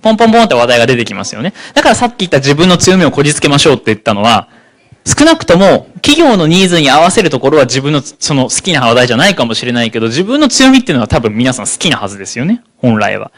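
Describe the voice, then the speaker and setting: A man giving a psychology seminar talk, speaking rapidly and slowing down for key points. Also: medium pitch. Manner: rapid, animated delivery that slows for key points. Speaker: lecturer on psychology.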